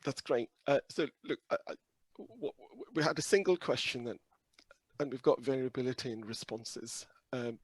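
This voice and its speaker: A man with a croaky, hoarse voice presenting a webinar over a video call in a humble, hesitant, explanatory way. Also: mid-range voice, moderate pace, dry recording. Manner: humble, hesitant, softly hedging. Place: video call with screen sharing.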